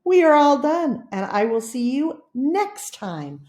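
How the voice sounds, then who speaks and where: Female teacher, video lesson, slow and deliberate, patient step-by-step delivery. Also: sits high, very animated, darkish tone. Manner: patient, deliberate, reads words one at a time. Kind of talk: slow, step-by-step classroom instruction.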